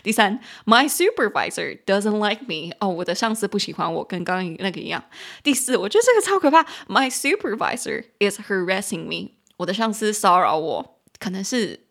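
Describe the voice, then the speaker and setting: A woman with as her hosts a chatty English lesson podcast. She drills pronunciation by spelling words out and saying them slowly, over and over. Her voice swings widely, leaping into high, excited bursts. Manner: spells out words and repeats stress patterns slowly. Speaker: podcast host teaching English.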